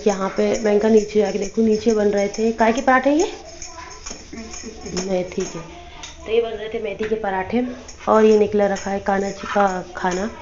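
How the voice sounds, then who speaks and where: A woman in her thirties with a hoarse voice, chatting casually to viewers in a home vlog. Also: medium pitch. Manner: chatty, addresses viewers directly. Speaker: vlogger. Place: at home, indoors. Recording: slightly dull lo-fi phone audio with faint noise.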